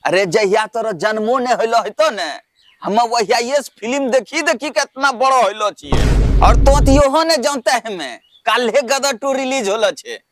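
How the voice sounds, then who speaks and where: A man's voice: very high-pitched, normal speed, a bit bright, slight background noise. A man playing a boastful village father and film superfan, talking in a brash, theatrical way. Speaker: comedy sketch performer. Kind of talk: rustic comedy skit.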